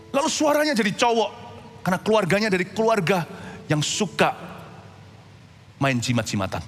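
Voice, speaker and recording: A male pastor preaching a sermon, telling stories in a lively, animated way and acting out voices. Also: high voice. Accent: Indonesian. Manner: animated storytelling preacher, acts out voices and shouts. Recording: long hall reverb with faint music.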